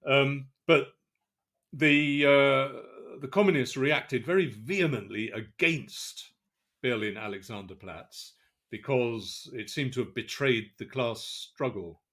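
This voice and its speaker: A man's voice: mid-range voice, slow pace, fairly bright tone. Hesitant man co-hosting a podcast. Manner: hesitant, many fillers and restarts. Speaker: podcast co-host. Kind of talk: casual chat.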